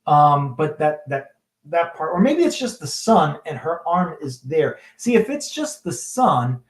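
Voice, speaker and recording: A man with a slightly high voice hosts a casual livestream and comments on artwork. He rambles along in a chatty way and keeps restarting his sentences. The room around him is echoey. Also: sing-song, measured pace. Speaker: host.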